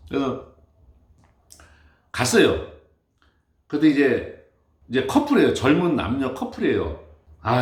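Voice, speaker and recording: A man who works in building facility management, telling an exasperated, animated story about his job in a casual monologue. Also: medium pitch, echoey room. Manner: animated, exasperated anecdote telling with acted-out quotes.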